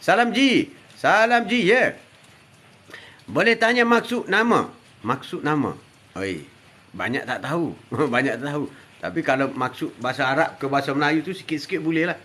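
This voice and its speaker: A man's voice: a little high, moderate pace, bright, forceful tone. An older man with a Malaysian Malay accent, chatting casually on a live stream, greeting viewers by name and teasing them with laughs. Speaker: live-stream host reading viewer comments.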